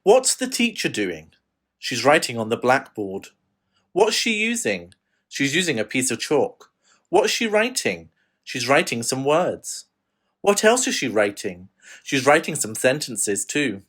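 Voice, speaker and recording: Slow, lively British drill reader, male. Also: medium pitch. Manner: slow, deliberate reading with lively intonation. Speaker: course audio reader. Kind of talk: scripted language drill.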